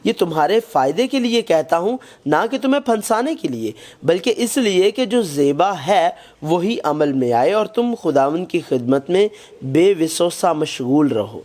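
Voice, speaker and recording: A man reading a scripted Bible lesson in a measured, even way, quoting scripture as he goes. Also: on the high side. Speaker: Bible study narrator.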